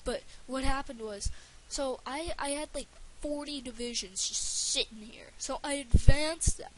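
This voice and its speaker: A woman with a high voice rambles through casual let's play commentary at a measured pace, tripping over her words and filling gaps with lots of fillers. The recording is rough, with a faint hiss beneath her voice.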